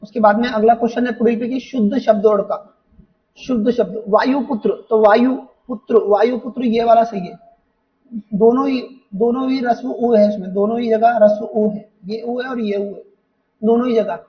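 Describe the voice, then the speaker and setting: A male teacher with a high voice goes through exam questions, repeating each point and asking his students rhetorical questions. He sounds a little away from the mic, and the recording is muffled and dull. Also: fairly even intonation, moderate pace, recorded from a distance. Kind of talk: exam paper walkthrough lesson.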